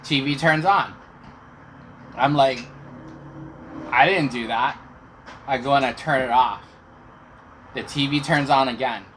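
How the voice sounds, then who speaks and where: A man's voice: mid-range voice, unhurried, pauses often, fairly bright tone. A middle-aged man telling personal stories casually to viewers, chewing while he talks. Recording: clear background noise.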